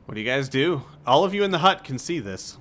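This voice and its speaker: A man's voice: medium pitch, very animated, a little fast, fairly bright tone. A man narrating a tabletop game as game master, mixing dramatic storytelling with casual asides.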